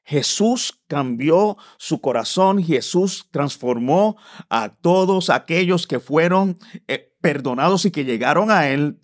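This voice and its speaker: Slow, halting man giving a Bible talk. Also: medium pitch. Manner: slow and halting, with many pauses and restarts. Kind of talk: devotional talk with Bible reading.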